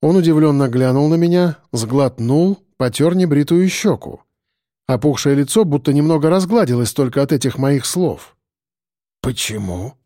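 A man reading a first-person detective story aloud in a steady, measured way. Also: on the high side, no room sound, clean studio sound. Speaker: audiobook narrator.

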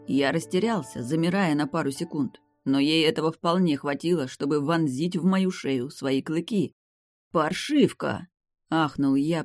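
A man reading a dramatic novel aloud in first person, in a measured audiobook style. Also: a little high, darkish tone, no room sound, studio quality. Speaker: audiobook narrator. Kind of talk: scripted first-person narration.

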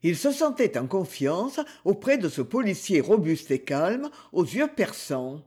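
A male audiobook narrator reads at an unhurried pace. His high voice moves through a lively range, and his tone is slightly husky.

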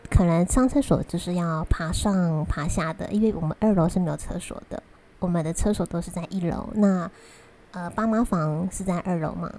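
Low-voiced Taiwanese woman chatting while eating. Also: moderate pace, dark tone. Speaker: vlog host. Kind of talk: casual solo chat to viewers. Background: prominent music.

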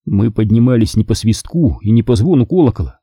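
Male narrator for an audiobook, husky and lively in pitch. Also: brisk, no echo, studio quality. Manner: voices the soldiers in a raised pitch.

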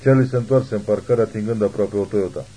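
A man narrating an audiobook in a steady, measured reading. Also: fairly low pitch, slight background noise, rough recording. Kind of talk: scripted narration.

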